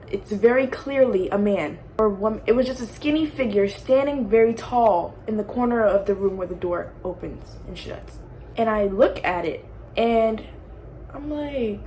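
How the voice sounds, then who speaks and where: A woman's voice: on the high side, a little hiss or hum, low-quality recording. A young woman casually telling a personal ghost story, rambling with lots of fillers and asides.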